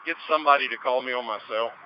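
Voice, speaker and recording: A man's voice: medium pitch, very fast, clean tone. A man acting as on-scene police commander, giving terse orders with unit numbers over a two-way police radio. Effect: heard over a police two-way radio. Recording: muffled radio with faint noise.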